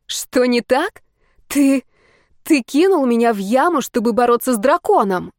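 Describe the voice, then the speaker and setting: A woman's voice: fairly high pitch, normal speed, darkish tone, dry recording, clean studio sound, close to an everyday voice. A woman voicing a young heroine who is furious and betrayed, speaking in a raised, heated voice. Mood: angry.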